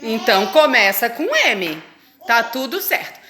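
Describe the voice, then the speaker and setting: High, lively woman teaching slowly. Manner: slow, drawn-out, coaxing word drills. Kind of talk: phonics lesson for young children. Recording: echoey room with faint noise.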